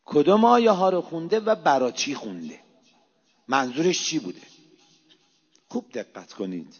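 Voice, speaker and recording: Male preacher, impassioned sermon, high voice, hushed asides and loud exhortations, muffled lo-fi recording. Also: animated, breathy edge. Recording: reverberant hall, dull lo-fi sound.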